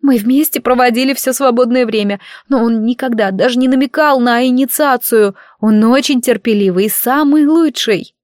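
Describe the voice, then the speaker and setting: A woman's voice: a little high, moderate pace, hardly any pauses, a little mellow, no room sound, clean studio sound, voice pushed up, close to an everyday voice. A woman reading the lines of a tearful teenage girl from a village who keeps crying while she talks. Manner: sobbing, pleading.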